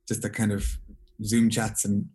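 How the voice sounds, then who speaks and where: A man's voice: lowish voice, completely flat delivery, measured pace, a little mellow, slight background noise. A young man from Galway with a west of Ireland accent, chatting casually and informally as a songwriter being interviewed. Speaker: singer-songwriter, interview guest.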